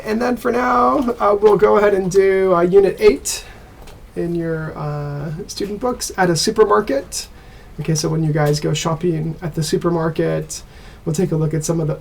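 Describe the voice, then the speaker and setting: A man with an American accent teaching an online English class, speaking haltingly and pausing often with fillers. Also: fairly high pitch, gravelly. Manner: slow and halting, with frequent filler pauses.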